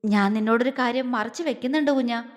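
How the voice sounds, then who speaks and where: A woman voicing a grown man who is protective and tender, talking in a calm, serious, reassuring way. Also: a little high, fast, big-room sound, natural voice.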